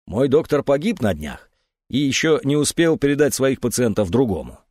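A man voicing a calm, cunning man posing as a psychiatric patient in an audiobook. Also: mid-range voice, normal speed, no echo, studio quality, pitched above the performer's own voice. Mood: plaintive. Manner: calm, unruffled.

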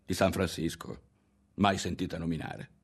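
A man reading aloud voicing an aloof, boastful older boy who talks in a slow, dismissive way in an audiobook. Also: sits low, gravelly, breathy edge, full character voice.

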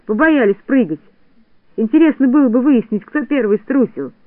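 A flustered little braggart of a storybook shorty, as a male reader puts him on, pitched high and pushed louder than plain talk. He protests excitably. The sound is narrow and tinny, dry and close. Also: normal speed, no echo. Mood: indignant. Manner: defensive, excitable. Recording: dry phone-like narrowband audiobook.

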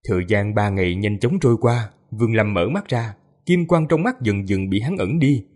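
A man narrating a fantasy audiobook with an expressive, lively delivery. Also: fairly low pitch, moderate pace. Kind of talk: storytelling narration.

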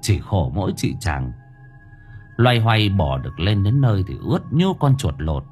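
A man narrating a story in a lively, expressive way. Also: deep voice, normal speed, faint music behind. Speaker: audiobook narrator.

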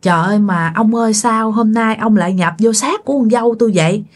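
A woman's voice: a little high, fast, close to an everyday voice. A woman voicing a bold elderly grandmother who pleads politely with a spirit. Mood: pleading.

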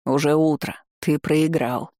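A storyteller voicing a cold, gray-faced male elf lord who gloats slowly over a beaten foe, in an audiobook reading. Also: mid-range voice, fairly even intonation, darkish tone, no room sound, studio quality, lightly acted. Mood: gloating.

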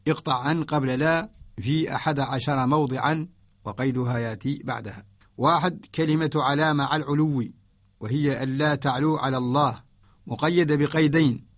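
Male radio Quran teacher, slightly high voice, steady explanatory delivery with slow recited examples. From Mauritania. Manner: measured, slowing to recite verses and Quranic examples. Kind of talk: radio lesson explaining a didactic poem.

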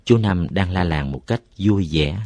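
A man reading a novel aloud, calm and even, as narrator. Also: sits low, unhurried, no room sound.

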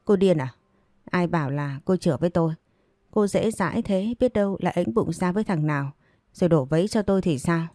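A woman's voice: fairly low pitch, fairly quick, dark tone, no echo, studio quality, lightly acted. A woman voicing a callous young man who coldly rejects his pregnant lover with contempt. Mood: contemptuous. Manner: contemptuous, dismissive.

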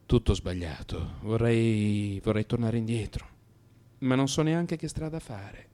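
In a radio drama monologue, an actor plays a troubled, melancholy man in crisis who broods inwardly and blames himself through halting, repeated phrases. His voice is on the low side and dark in tone, close to an everyday voice. The mood is despondent and self-blaming.

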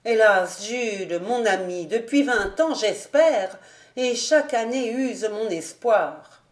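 A woman's voice: on the high side, lively intonation, takes it slowly. A woman reading as a sorrowful old noblewoman. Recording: roomy echo.

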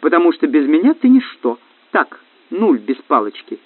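A man reading an audiobook, voicing a domineering, scheming woman with a crisp, cutting, mocking delivery. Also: fairly high pitch, sing-song, normal speed, no echo. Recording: tinny phone-like, dry.

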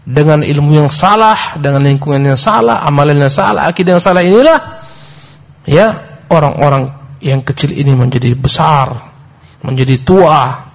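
A male preacher giving a sermon-style book lecture, reciting Arabic and explaining it in Indonesian, emphatic and repetitive, rising sharply for emphasis. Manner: emphatic, rises sharply in pitch for emphasis, repeats phrases. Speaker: Islamic preacher. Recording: dull lo-fi lecture recording.

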